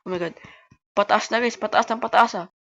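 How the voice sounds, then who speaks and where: A woman who talks fast, giving casual gameplay commentary and chatting to her viewers as host of a gaming channel. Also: mid-range voice, vocal fry, fairly bright tone, dull audio. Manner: fast-talking.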